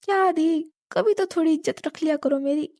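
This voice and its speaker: A woman's voice: extremely high pitch, moderate pace, warm tone, no room sound, studio quality. Woman voicing a cheeky, teasing younger sister.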